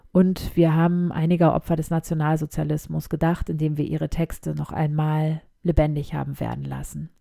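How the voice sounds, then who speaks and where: A woman hosting a community radio show, relaxed as she sums up the episode in the studio. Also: low-pitched, gravelly, no echo. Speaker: radio host.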